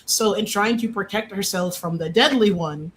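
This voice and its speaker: A live stream host with a slightly shot voice, hoarse from yelling, chatting casually in a bubbly, slangy, exclamatory way. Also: mid-range voice, normal speed, slight background noise. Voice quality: voice a little shot and hoarse from too much yelling and talking. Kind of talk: casual chat.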